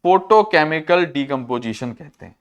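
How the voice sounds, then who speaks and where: A man teaching a class, repeating key terms, slowing down to dictate definitions and quizzing students on what was just said. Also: a little high, lively intonation, dull audio. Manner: slows to a dictation pace for English definitions; addresses students as children. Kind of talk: classroom lecture.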